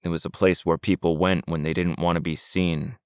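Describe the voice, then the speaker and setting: A man narrating a supernatural mystery audiobook in a calm, even storytelling manner. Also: deep voice, brisk, clear, resonant tone, no echo, studio quality. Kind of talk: scripted narration.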